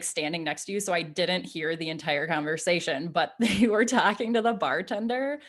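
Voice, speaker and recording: A woman in her thirties co-hosting a podcast, animatedly telling stories among friends and laughing. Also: mid-range voice. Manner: animated storyteller, laughs while talking. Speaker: podcast co-host. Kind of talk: casual chat, storytelling.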